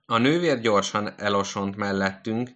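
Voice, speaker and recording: Low-voiced man reading literary prose. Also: fairly bright tone. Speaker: narrator.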